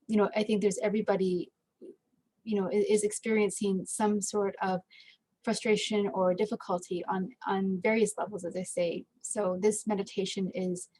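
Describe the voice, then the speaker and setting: A woman leading a guided meditation in a gentle, unhurried way, with frequent fillers and pauses. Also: mid-range voice, rough recording.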